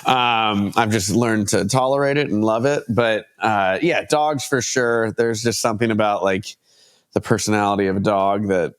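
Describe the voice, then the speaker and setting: Stuffed-up man rambling cheerfully. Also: lowish voice. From United States. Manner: rambling, self-correcting, laughs easily. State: stuffed up from allergies. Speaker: podcast guest, portrait photographer. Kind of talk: casual interview chat.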